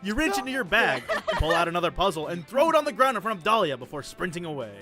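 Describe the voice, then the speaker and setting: A man's voice: sits high, sing-song, fast, music in the background. Laughing man reading a game aloud. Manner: playful, laughs often. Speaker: stream host, narrator of the game.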